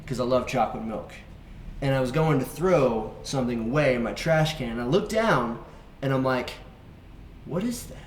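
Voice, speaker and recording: A man hosting a children's faith show, chatting playfully with a young co-host and telling stories in an animated way. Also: medium pitch, normal speed, reverberant, a little hiss or hum. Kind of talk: casual chat with a young co-host.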